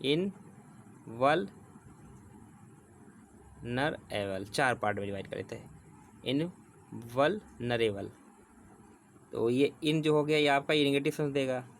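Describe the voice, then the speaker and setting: Male tutor, mid-pitched voice, patient and repetitive delivery, faint hiss in the background. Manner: explains slowly with repetition, reads English definitions word by word. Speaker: teacher. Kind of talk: exam prep vocabulary lesson.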